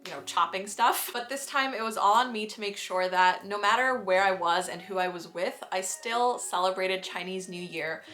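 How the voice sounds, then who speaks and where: A woman's voice: medium pitch, moderate pace, hardly any pauses, pushed and bright, faint music behind. A woman in her twenties from Romania, giving a chatty, upbeat voice-over for her own cooking vlog. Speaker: vlogger.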